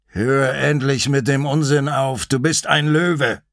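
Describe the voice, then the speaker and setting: A man's voice: mid-range voice, fairly even intonation, takes it slowly, dry recording, clean studio sound, pitched above the performer's own voice. A man voicing a stern, commanding mountain lion king who growls his orders.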